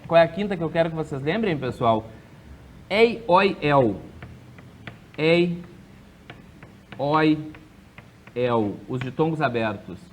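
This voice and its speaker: A man teaching a grammar lesson for an exam, drilling rules with quick yes-or-no questions and drawing out key words slowly. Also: on the high side, lively intonation, slight background noise.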